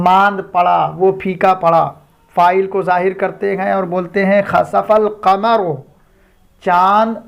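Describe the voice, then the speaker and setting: A man with a high-pitched voice gives a patient grammar lesson. He reads each example out slowly, repeats it, then explains it, and now and then calls his listeners friends. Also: gravelly, fairly bright tone, clear, resonant tone. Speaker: Quranic Arabic grammar teacher.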